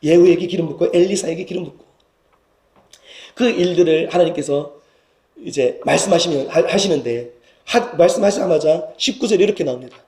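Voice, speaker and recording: A man's voice: fairly quick, darkish tone. A male pastor with a Gyeongsang accent, preaching a sermon earnestly and lifting his voice for emphasis. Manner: earnest preaching that rises in pitch and volume for emphasis. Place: church sanctuary. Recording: echoey church hall.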